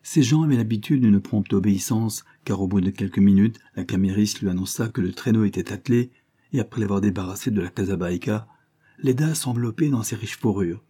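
Male narrator, measured audiobook reading, mellow and slightly husky. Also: fairly low pitch.

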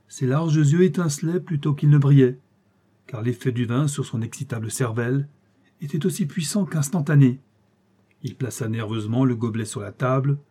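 A man reading a classic story aloud as an audiobook narrator, steady and expressive. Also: mid-range voice, breathy edge.

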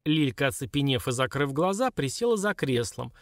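A man narrating an audiobook in an expressive storytelling manner. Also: mid-range voice, brisk, no room sound, studio quality. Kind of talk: scripted narration.

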